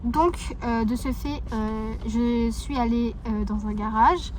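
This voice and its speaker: A woman's voice: a little high, slow, a little hiss or hum. A young French woman vlogging casually to her viewers, chatty and rambling, with many fillers and restarts. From France. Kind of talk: casual chat to camera.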